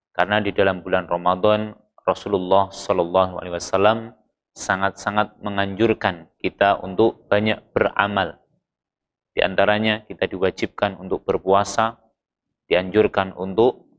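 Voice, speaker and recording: A man giving a Ramadan sermon, reciting Arabic verses and explaining them in a measured preaching manner, lifting his voice for emphasis. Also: lowish voice, a bit bright, lo-fi sound. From Indonesia. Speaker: Islamic preacher.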